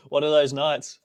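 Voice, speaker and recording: A man co-hosting a podcast, easygoing and quick to laugh in casual chat. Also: mid-range voice, dry recording. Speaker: podcast co-host.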